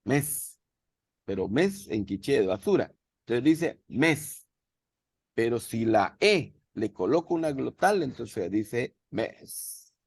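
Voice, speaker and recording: Slow gravelly man teaching a class. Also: medium pitch, big pitch swings, darkish tone, no echo, clean studio sound. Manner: patient, repeats words slowly for students. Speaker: language teacher. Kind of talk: virtual class explanation. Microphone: video call.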